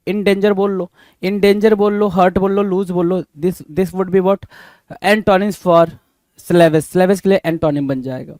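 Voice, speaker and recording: Indian male tutor, high voice, dry close mic, quizzing students on word meanings. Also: dry recording. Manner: keeps asking the class questions, Hindi-English mix. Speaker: English vocabulary teacher. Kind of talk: exam-prep vocabulary lesson.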